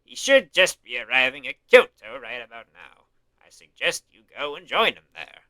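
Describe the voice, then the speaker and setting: A man's voice: mid-range voice, big pitch swings, normal speed, bright, forceful tone, no room sound, voice pushed up, rough recording. A man doing a put-on voice of a senile old male lord while reading game subtitles aloud in a mock-solemn way.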